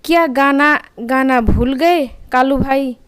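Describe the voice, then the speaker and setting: A woman's voice: high voice, slow, no room sound, pitched above the performer's own voice. A woman doing a sly coaxing cartoon cat. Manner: coaxing then scolding. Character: sly sweet-talking female cat.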